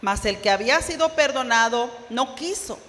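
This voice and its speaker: A woman's voice: a little high, animated, normal speed, fairly bright tone, in a large hall. A woman pastor preaching a sermon, retelling a parable and putting questions to her congregation. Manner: storytelling, acts out parable dialogue, rhetorical questions to congregation. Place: church sanctuary.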